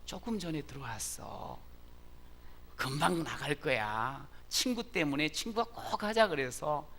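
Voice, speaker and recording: A man's voice: fairly high pitch, lively intonation, a little slow, sharp tone, exaggerated voice. A man voicing a teenage boy who answers his mother's calls with excuses. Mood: sheepish. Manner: defensive, then proudly upbeat.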